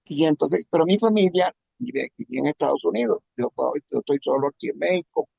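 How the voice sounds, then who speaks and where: A man from Venezuela telling a personal testimony in a halting, emotional way, often repeating words. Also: fairly high pitch, expressive, gravelly, dark tone, slightly rough, no room sound. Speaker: testimony speaker.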